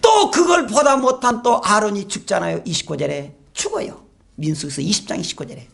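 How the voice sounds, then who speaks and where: A woman pastor preaching a sermon, retelling the story with animated storytelling and rhetorical questions to the congregation. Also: mid-range voice, fairly quick, vocal fry.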